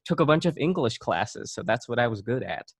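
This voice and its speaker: A man's voice: mid-range voice, big pitch swings, brisk, gravelly, breathy edge, no room sound, clean studio sound. A young man co-hosting a podcast in casual chat, thoughtful and hesitant with frequent "uh" and "um". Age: young adult. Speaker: podcast co-host.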